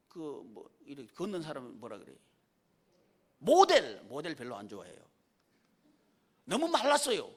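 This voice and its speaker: Animated high-voiced male pastor preaching. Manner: animated, swinging from loud calls to hushed near-whispers; rhetorical questions and prompts for amen. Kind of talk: Sunday sermon. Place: church sanctuary.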